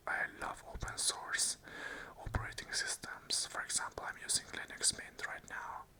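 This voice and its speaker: A bright, sharp, entirely unvoiced whisper carries this unscripted ASMR monologue all the way through. The channel host keeps it soft and earnest, repeating affirmations in short bursts.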